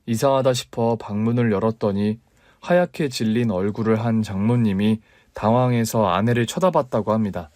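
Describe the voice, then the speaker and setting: A man narrating a radio story calmly, retelling events he was told. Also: on the low side, no room sound, studio quality. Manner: calm, retelling secondhand.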